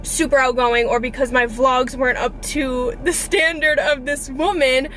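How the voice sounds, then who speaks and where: A woman vlogger in her twenties chats casually and earnestly to camera from inside a car, confessional, informal and mildly profane. Her voice sits high and is a bit bright, with fairly even intonation and a moderate pace. Soft music and clear background noise play behind her, and the audio quality is poor.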